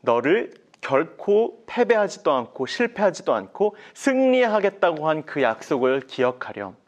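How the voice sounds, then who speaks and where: Man doing god, calm and kind, slow gentle promises, fatherly. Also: fairly high pitch. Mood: reassuring.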